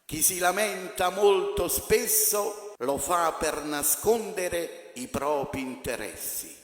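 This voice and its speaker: A man's voice: sits high, animated, slow. A man reciting sayings in formal Italian, line by line. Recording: echoey hall, noisy.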